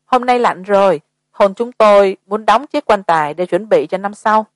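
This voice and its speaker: A hoarse middle-aged village chief from an audiobook horror tale, slow and ominous, as a woman reader puts him on. His rasp sits in a dry, close recording. The voice stays at an ordinary height. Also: medium pitch, no echo, close to an everyday voice.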